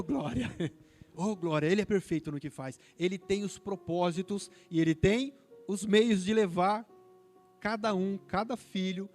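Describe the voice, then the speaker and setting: A Brazilian man in his fifties preaching in church with a notably high voice. He speaks fervently and builds his lines to emphatic peaks. Soft music plays faintly behind him. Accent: Brazilian Portuguese. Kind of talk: sermon.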